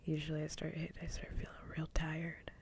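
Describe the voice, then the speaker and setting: A woman hosts an ASMR livestream, chatting casually in a soft, breathy whisper close to the mic, gentle and unhurried. Her voice is deep and monotone, with slight background noise.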